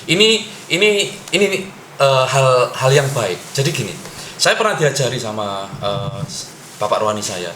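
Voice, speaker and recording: Man, middle-aged, parent giving advice, halting explanations, animated voice, slight background hiss. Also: medium pitch. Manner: explanatory, frequent pauses and fillers. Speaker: parent guest sharing advice. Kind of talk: conversational explaining. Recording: echoey room.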